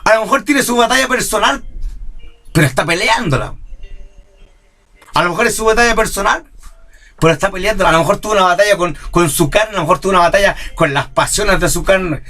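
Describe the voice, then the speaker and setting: A man's voice: high voice, quick pace, long pauses, pushed and bright. A man preaching a sermon, who keeps asking his congregation "¿cierto?" and acts out church members. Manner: impassioned, rhetorical "¿cierto?" questions, mimics church members.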